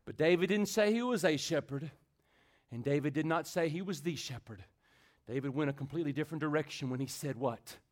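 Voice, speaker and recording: Male pastor, high-pitched, rhythmic call-and-response sermon delivery. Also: brisk. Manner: swings from loud build-ups to quiet intimate talk.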